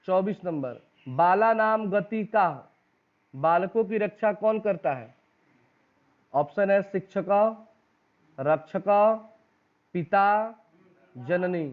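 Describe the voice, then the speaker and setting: High-voiced Bihari teacher, tinny recording. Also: male voice, expressive, extremely slow, long pauses. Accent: Bihari Hindi. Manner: asks the class questions and repeats the answers. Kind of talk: exam-prep lesson, reading out quiz questions and options.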